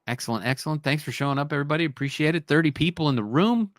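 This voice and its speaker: A man's voice: fairly high pitch, racing, no echo, studio quality. A man co-hosting a crypto livestream, joking and teasing in casual banter. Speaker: crypto show co-host.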